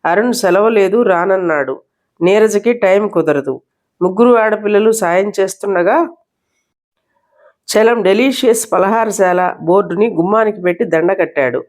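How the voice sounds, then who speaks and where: A woman storyteller reading a novel aloud with steady, expressive narration. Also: mid-range voice, normal speed. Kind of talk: scripted narration.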